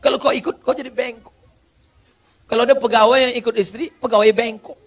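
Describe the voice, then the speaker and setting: A man's voice: very high voice, steady tone, a little fast. A man from Indonesia preaching in a humorous question-and-answer sermon, with playful rhetorical questions and emphatic build-ups. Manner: joking, rhetorical questions, rising emphatic delivery.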